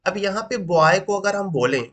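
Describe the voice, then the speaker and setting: A man explains grammar in a high, bright voice. He teaches at a steady, patient classroom pace, keeps asking his listeners questions and repeats key points. He checks understanding with short confirmations. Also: normal speed. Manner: asks rhetorical questions, repeats points, says "ठीक" often. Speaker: English teacher.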